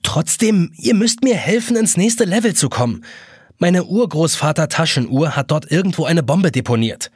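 A man voicing an impatient, stubborn young boy who quickly snaps and shouts. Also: high-pitched, big pitch swings, slightly rough, no echo, clean studio sound, pitched above the performer's own voice, full character voice. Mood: pleading.

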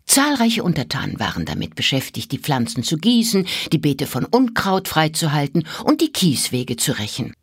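Brief: woman narrating a children's story, low, husky, very lively intonation. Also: moderate pace, few pauses, dry recording, studio quality. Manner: expressive, melodic storybook delivery.

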